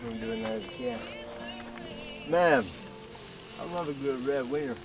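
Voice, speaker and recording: A man's voice: mid-range voice, unhurried, over music, rough recording. A man, casually hosting an outdoor vlog at a campsite, chatting to the camera and friends. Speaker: vlog host.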